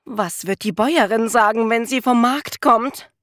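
A woman voicing a flustered farm maid, crying out in shrill, slow, horrified exclamations. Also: a bit bright, dry recording, studio quality. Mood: alarmed.

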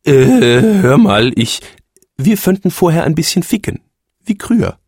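A man's voice: fairly high pitch, big pitch swings, a little slow, darkish tone, breathy edge, no room sound, clean studio sound, pitched above the performer's own voice, exaggerated voice. A man voicing a weary, grumpy male phoenix ruler in a comic story, with a raised, exasperated delivery. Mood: evasive.

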